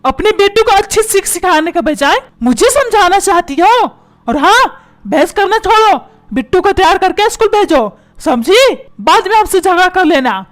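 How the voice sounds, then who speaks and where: A woman's voice: very high-pitched, lively intonation, normal speed. A woman voicing a stingy, short-tempered middle-aged husband in a comic cartoon, scolding and sarcastic.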